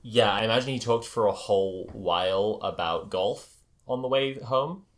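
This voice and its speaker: Man, game master, low voice, improvised tabletop narration, halting and hesitant phrasing.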